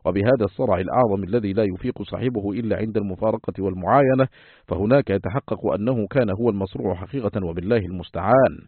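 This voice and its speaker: A man reading a classical text aloud as an audiobook, in a formal, measured recitation style. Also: fairly low pitch, no room sound. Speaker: audiobook reader. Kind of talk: scripted narration of a classical text. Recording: tinny phone-like, dry, husky.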